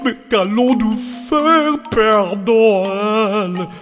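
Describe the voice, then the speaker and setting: A man's voice: high voice, animated, very slow, over music, voice pushed up, full character voice. A man voicing a sick young reindeer who stammers and whimpers in a storybook reading. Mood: tearful.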